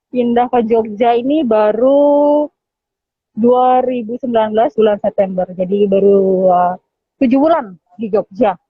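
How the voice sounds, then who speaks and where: A woman's voice: fairly high pitch, a little slow, husky, dry recording. A woman from Lombok, Indonesia, chatting casually as an interview guest while speaking through a face mask. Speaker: airline general manager, guest. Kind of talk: casual live interview chat. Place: at an airport. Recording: thin phone-like internet call audio.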